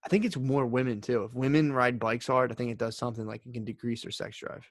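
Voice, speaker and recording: A man's voice: mid-range voice, steady tone, fast, no echo, clean studio sound. A man co-hosting a podcast in casual chat, easygoing and joking with plenty of swearing. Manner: easygoing, profane, joking banter. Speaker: podcast co-host.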